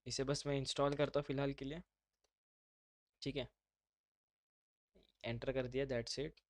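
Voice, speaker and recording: A man's voice: medium pitch, little pitch movement, measured pace, no room sound, studio quality. A man teaching a live online class, talking casually and mixing in English terms. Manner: casual, brotherly, mixes English terms into speech.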